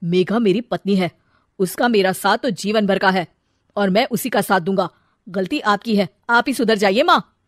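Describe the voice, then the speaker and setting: A woman's voice: medium pitch, expressive, normal speed, dry recording, studio quality, lightly acted. Woman doing a firm young man. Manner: firm, lecturing. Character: firm young husband and son.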